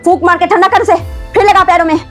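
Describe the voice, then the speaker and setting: Woman playing a shrill bossy mother-in-law. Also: fairly even intonation, fast talker, soft background music. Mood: scolding. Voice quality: scolding, shrill, domineering. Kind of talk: home-made family drama acting.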